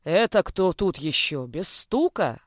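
A woman's voice: lowish voice, big pitch swings, slow pace, no room sound, full character voice. A scornful, self-important school director , played by a woman reading the story, talks down in a bureaucratic drone full of threats. His lines come across dry and close, with no room around them. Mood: contemptuous. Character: pompous fat male Soviet school director, scornful.

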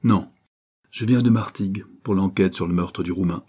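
A brash middle-aged policeman who loves his motorbike, teasing and quick to turn curt, voiced by a male audiobook narrator. His voice sits low and husky. The tone stays dark and mellow. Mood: breezy.

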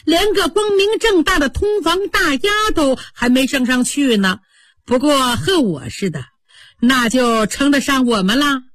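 A woman voicing a jealous, sharp-tongued young maid in a storybook tale, speaking. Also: high-pitched, expressive, a little slow, dry recording, clean studio sound, pitched above the performer's own voice. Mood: sneering. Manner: sneering, sarcastic.

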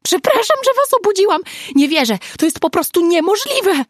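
A woman voicing an overjoyed, panicky young woman who squeals with excitement in a storybook reading. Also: on the low side, moderate pace, breathy edge, dry recording, clean studio sound, full character voice. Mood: elated.

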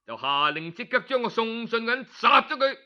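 A man tells a historical tale in Cantonese, speaking straight to his listeners in a theatrical, traditional oral storytelling style. His voice is very high with big swings in pitch, his pace is moderate, and the highest frequencies are cut off.

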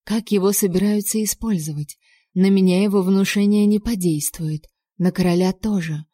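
A woman narrating a first-person audiobook in a measured, expressive storytelling manner. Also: medium pitch, no echo, studio quality.

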